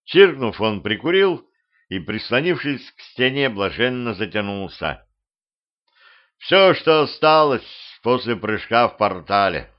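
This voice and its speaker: A man reading a humorous mystical audiobook in an even storytelling manner. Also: medium pitch, a little slow. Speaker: audiobook reader. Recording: dull lo-fi home recording.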